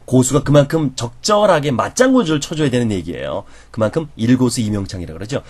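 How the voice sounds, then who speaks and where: A man lecturing as a professor on conversation skills, animated and acting out reactions as he explains. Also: medium pitch, brisk, slightly rough.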